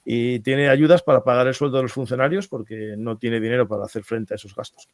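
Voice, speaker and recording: A man's voice: medium pitch, steady tone, fast, dry recording. A man from Spain hosting a casual podcast, agreeing briefly and steering the talk. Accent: Spain Spanish. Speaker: podcast host.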